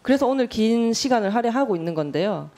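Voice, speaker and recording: Pointed, lively-voiced woman lawmaker in her thirties. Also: on the high side. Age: 30s. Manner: measured, pointed and direct. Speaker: lawmaker questioning a nominee. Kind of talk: formal hearing questioning. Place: parliamentary hearing room.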